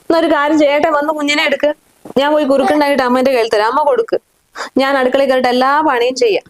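A woman's voice: sits high, level tone, racing. A young woman acting as a mother in a family short film, pleading and defensive. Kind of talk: domestic drama acting. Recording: loud background noise.

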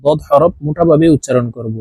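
A man with a Bangladeshi Bengali accent teaching Arabic letters slowly, one by one, with the letter names drawn out and chanted. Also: fairly high pitch, mellow, breathy edge, dry recording. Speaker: Quran teacher. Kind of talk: slow letter-by-letter lesson.

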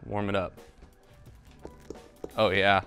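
Here the host's voice sits on the low side, level and slow but with a sharp edge. He's the young man running the casual kitchen cooking show, upbeat as he talks to his quiet mascot, miked on his lapel with soft music underneath.

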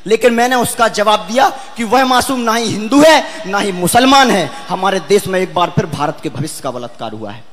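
A poet from India recites his verse with passion, declaiming, sometimes half-singing and sometimes rising to shouts. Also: high voice, expressive, moderate pace, hardly any pauses. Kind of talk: impassioned poetry recitation on stage. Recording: echoey hall sound.

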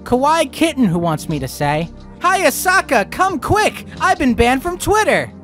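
A man's voice: very high-pitched, big pitch swings, unhurried, a bit bright, faint music behind. A young man hosting a review video, with sarcastic, profane ranting commentary. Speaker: video critic host.

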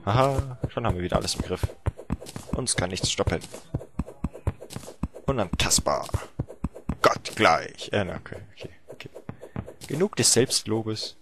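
A young man giving playful, self-mocking commentary on a game he is playing, often breaking into yelps and shouts. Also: fairly low pitch, brisk, background noise. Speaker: let's play commentator. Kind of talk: casual gameplay commentary.

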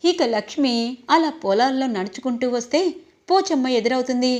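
A woman storyteller retelling a TV serial episode in a steady narrating manner, with many fillers. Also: high-pitched, normal speed.

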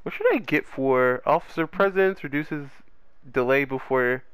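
A young man chatting casually while playing a game, given to loud excited outbursts. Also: medium pitch, normal speed, clear, resonant tone, no echo. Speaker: gamer. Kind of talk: casual gaming chat.

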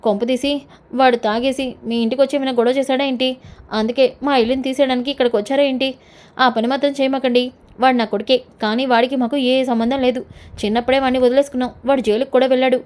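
A woman voicing an anxious older mother who pleads quickly to protect her family. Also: sits high, fairly even intonation, darkish tone, lightly acted. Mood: pleading.

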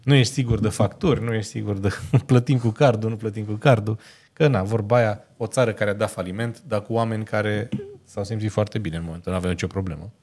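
Lively man hosting a car podcast. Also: lowish voice. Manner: lively, storytelling, laughs often. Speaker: podcast host. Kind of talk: casual chat. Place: studio. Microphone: studio mic on boom arm.

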